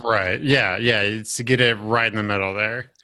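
A man co-hosting a casual podcast chat, talking in a halting way with many fillers and restarts. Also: fairly low pitch, steady tone, pushed and bright. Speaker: podcast co-host.

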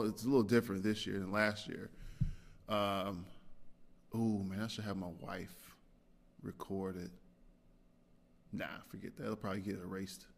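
A man hosting a casual solo podcast, rambling and self-deprecating, with lots of fillers and restarts. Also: on the low side. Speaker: podcast host. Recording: long hall reverb.

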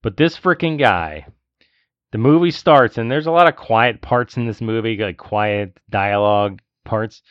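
A man's voice: fairly low pitch, measured pace, fairly bright tone, dry recording. A man co-hosting a podcast, telling a story in casual chat and ranting as he goes. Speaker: podcast co-host. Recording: dull lo-fi sound, dry.

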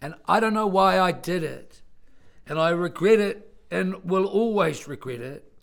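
An older man tells children a story from his own family. His worn-out voice is gravelly and sits a little high for a man. He talks plainly and earnestly, backing up to correct himself as he goes. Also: lively intonation, a little slow. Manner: plain-spoken, earnest, rambling with self-corrections. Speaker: storyteller visiting a school class. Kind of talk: personal story told to children.

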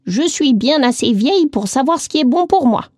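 A woman voicing a stubborn old lady who is grumpy and greedy for tart, her voice often rising very high and slowing into a drawl. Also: expressive, a little mellow, no room sound, studio quality. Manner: squeals up high and drawls when delighted.

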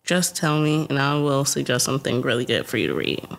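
A woman's voice: very deep voice, sing-song, fairly quick, creaky. A young adult woman co-hosting a podcast in casual, teasing chat, laughing often. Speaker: podcast co-host.

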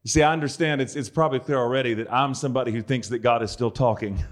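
A man's voice: mid-range voice, fast. A man giving a conversational sermon, with dry, joking asides. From United States. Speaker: preacher.

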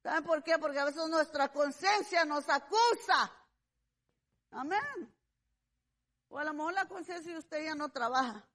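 A preacher giving a fervent sermon, swinging between shouted praise and hushed asides, with frequent hallelujahs and amens. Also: high-pitched, a little slow, long pauses.

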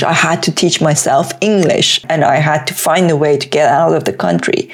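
A woman, a Persian speaker, talking earnestly and at length as a podcast guest. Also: sits low. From Iran. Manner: earnest, emphatic, talks in long runs. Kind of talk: conversational interview.

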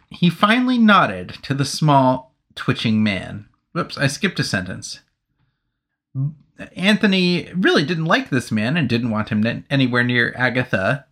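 A man's voice: medium pitch, pushed and bright. A man co-hosting a podcast, who reads a novel aloud and banters with playful self-mockery. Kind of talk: casual chat and read-aloud narration.

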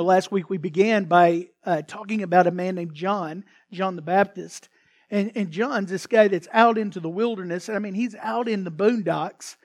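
A man preaches to his church in a loose, conversational way, stumbling into restarts and acting out quoted lines as he goes. His voice sits notably high for a man. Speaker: pastor. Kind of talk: sermon.

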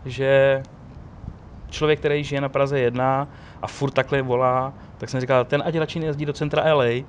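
Man, casual storyteller, lively and quoting others, faint street noise behind. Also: medium pitch, highs cut off. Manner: animated storyteller, quotes others. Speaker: guest telling of police ride-alongs. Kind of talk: casual chat.

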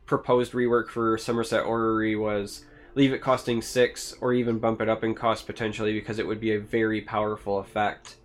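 Analytical man, casual podcast co-host. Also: on the low side. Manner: analytical, explains game mechanics at length.

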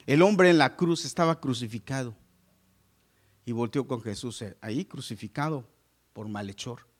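A male pastor preaching a sermon to his congregation, moving between loud exclamations and hushed asides. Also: medium pitch, normal speed.

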